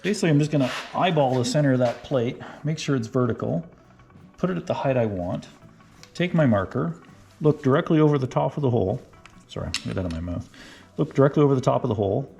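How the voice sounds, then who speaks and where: A man casually narrating his car fabrication work as he goes, thinking out loud and often checking in with "right?". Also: medium pitch, vocal fry. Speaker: car restoration vlogger. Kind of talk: casual how-to narration while working.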